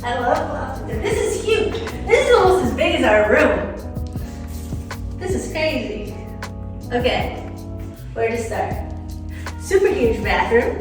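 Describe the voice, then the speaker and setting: A chatty woman in her forties gushes over the fixtures in a big hotel bathroom. Her slightly high voice comes from a few steps away from the mic and rings off the hard walls in a loud, hall-like echo. Soft music plays under her. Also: measured pace, long pauses. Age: 40s. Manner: excited, chatty, gushing over details. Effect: loud echo of a big tiled bathroom. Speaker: vlogger touring a hotel room. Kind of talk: casual vlog room tour. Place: large hotel bathroom, indoors. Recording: echoey room, mic at a distance, music under it.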